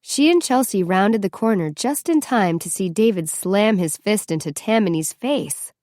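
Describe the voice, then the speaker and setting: A woman reading an audiobook chapter in steady, measured narration close to the mic. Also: mid-range voice, dry recording. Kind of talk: scripted narration.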